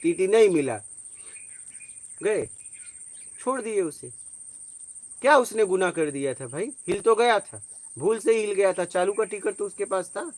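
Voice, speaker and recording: Man, spiritual teacher, informal talk, conversational storyteller, asks if you follow, slightly high voice. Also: expressive, unhurried, long pauses, no echo. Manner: conversational, tells personal stories, asks listeners if they follow.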